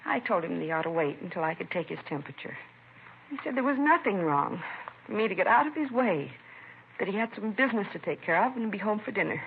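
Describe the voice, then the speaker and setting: In the style of an old-time radio crime drama, an actress plays a distraught, protective American mother in her early forties, sounding upset yet subdued. Her medium-pitched, gravelly voice is expressive and fast, heard through a tinny, hissy vintage broadcast.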